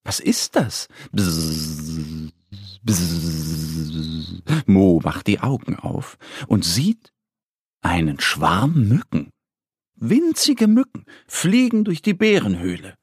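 Slow, lively man reading a children's story. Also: mid-range voice, husky, no room sound, clean studio sound. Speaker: narrator.

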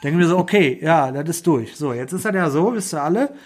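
A man's voice: a little high, a little fast. A man co-hosting a casual podcast chat, telling stories animatedly and acting out both sides of a phone call. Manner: animated storyteller, acts out phone dialogue. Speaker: podcast co-host.

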